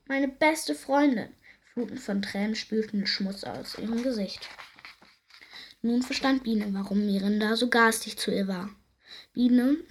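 Woman reading a kids story, breathy, a bit high, expressive. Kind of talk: reading a children's story aloud.

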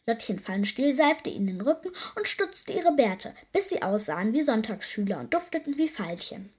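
A woman reads a children's story aloud with an expressive, lively delivery. Her voice sits fairly high and she shapes each sentence for young listeners. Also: moderate pace, breathy edge.

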